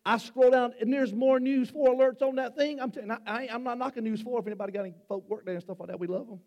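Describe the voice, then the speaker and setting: A middle-aged man preaches, his voice sitting unusually high for a man. He talks in a folksy way, stumbling over repeated words and teasing his congregation. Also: fast talker, darkish tone. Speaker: pastor. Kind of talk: sermon.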